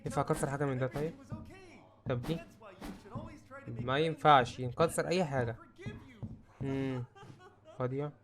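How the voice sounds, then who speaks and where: A young man with an Egyptian Arabic accent giving let's-play commentary, jumpy and prone to sudden yelps and shouts when startled. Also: mid-range voice, steady tone, normal speed, long pauses. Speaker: gamer.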